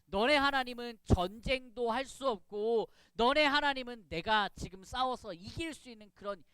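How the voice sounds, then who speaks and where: A man voicing a boastful giant enemy warrior who taunts loudly in a children's Bible story. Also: very high-pitched, moderate pace, clear, resonant tone, no room sound. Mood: mocking. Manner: taunting, loud.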